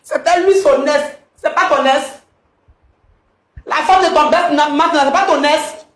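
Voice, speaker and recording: Very high-voiced accusing woman. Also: takes it slowly, reverberant. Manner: accusing, repeats herself insistently. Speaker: show participant confronting her husband. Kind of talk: heated confrontation.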